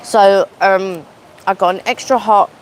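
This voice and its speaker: A woman's voice: medium pitch, steady tone, a little slow, a little hiss or hum. A woman, chatting casually on a live stream while eating, rambling from one thing to the next. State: sore throat, coming down with a cold. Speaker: livestream vlogger. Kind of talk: casual live chat with viewers. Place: outdoor seating at a shopping outlet. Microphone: phone livestream.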